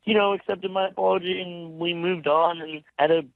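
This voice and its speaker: A man calling in to a radio show, telling his story slowly and hesitantly. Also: high-pitched, steady tone, gravelly. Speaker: radio caller. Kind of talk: phone-in chat. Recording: tinny phone line.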